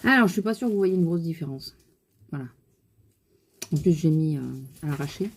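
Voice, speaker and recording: A woman's voice: low voice, lively intonation, fairly quick. A woman with a regional French accent, chatting casually to camera about her shopping haul and makeup, rambling with many fillers and sounding tired.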